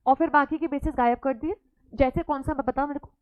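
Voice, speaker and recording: A woman's voice: high-pitched, steady tone, a little fast, no echo, phone-quality sound. A woman teacher giving a classroom lecture, teasing and playfully scolding her students as she mixes Hindi with English.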